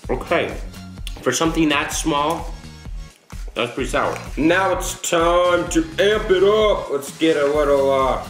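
Slow-talking teenage guy eating sour candy, echoey room. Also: fairly high pitch, a bit bright, faint music behind. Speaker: vlog host. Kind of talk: casual challenge commentary. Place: small indoor room at home, seated at a table. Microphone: camera a short distance away. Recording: echoey room, distant camera mic.

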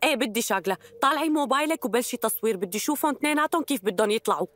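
A woman's voice: fairly high pitch, expressive, racing, fairly bright tone, no room sound. A woman dubbing a bold young woman who hosts her own online show and speaks to her viewers with brash confidence. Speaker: dubbing actress. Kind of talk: Arabic dub of a TV drama.

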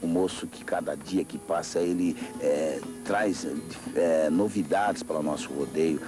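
A man's voice: extremely low pitch, a little slow. A man announcing a rodeo in a hyped arena style, introducing riders to the public. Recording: loud music behind, old TV footage.

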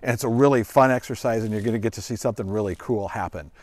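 Talking fast in a fairly low, slightly mellow voice, a middle-aged man leads a relaxed, folksy dog-handling demonstration for children. He's a search dog handler visiting as a guest presenter in a grassy forest clearing, explaining and quizzing the kids.

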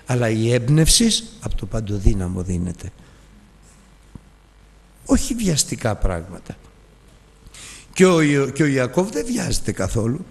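A man teaching a Bible lesson as a sermon, telling stories with lively, emotional acted dialogue. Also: mid-range voice, breathy edge, big-room sound. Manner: emotional storytelling, acts out dialogue.

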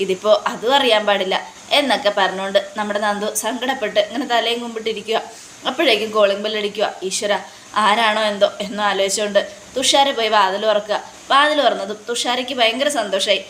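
A woman's voice: medium pitch, fast, a bit bright. A woman casually retelling a serial episode in a loose, conversational way. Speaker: serial recap narrator. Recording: echoey room, faint noise.

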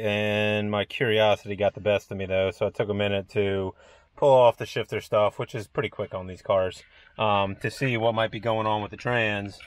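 This man, a car shop owner who vlogs, narrates casually from an auto garage, thinking aloud about a car problem and often saying "um." His voice sits on the low side, with no room sound in the recording.

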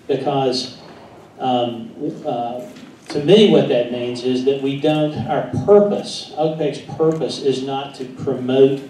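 A man with a Southern US accent, a pastor speaking at a meeting, halting and self-deprecating with many fillers. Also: mid-range voice, mellow. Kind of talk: speech at a meeting. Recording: echoey room, distant mic, faint noise.

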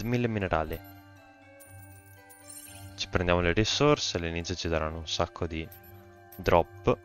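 A man giving casual gameplay commentary as a YouTuber, thinking aloud, reading game text out and breaking into excited exclamations. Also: low-pitched. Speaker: gaming YouTuber.

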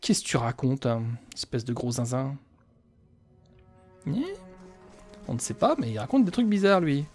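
A man's voice: mid-range voice, sing-song, normal speed, pauses often, a little mellow, soft background music. A man hosting a let's play, joking with the characters and reading game text aloud. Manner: joking, chatty, talks to the characters on screen.

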